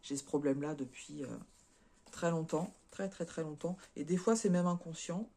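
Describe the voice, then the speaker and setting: French lady craft vlogger, warm lowish voice, rambles w fillers and repeats. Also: normal speed. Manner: chatty, many fillers and repeated words. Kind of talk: casual unboxing chat.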